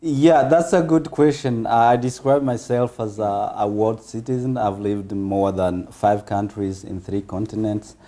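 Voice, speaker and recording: A man from Congo, the guest of an interview, speaking in a measured way with pauses and fillers. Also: on the low side, steady tone, warm tone. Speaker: interview guest, foundation founder. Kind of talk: casual interview talk.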